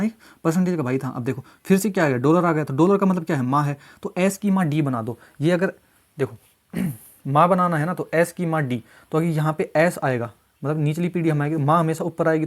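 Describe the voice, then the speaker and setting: A man's voice: on the high side, brisk. A man teaching exam reasoning questions, working through each step and often checking that students follow. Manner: repetitive, coaxing, keeps asking "samjhe?". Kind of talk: solving mock test questions step by step.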